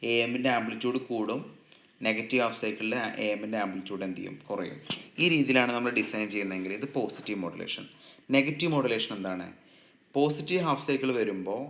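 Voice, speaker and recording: A man with a Malayali accent giving an exam-prep lecture. He asks the class questions, answers them himself, and reads English definitions out slowly. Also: mid-range voice, echoey room. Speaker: exam coaching teacher.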